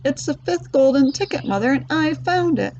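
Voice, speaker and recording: An eager young boy tumbles his words out in a rush, put on by a woman reading a storybook. The voice sits fairly high, and the recording is a bit dull with faint hiss. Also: animated, a little mellow. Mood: excited. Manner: breathless, rushing. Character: excited boy, eager and breathless.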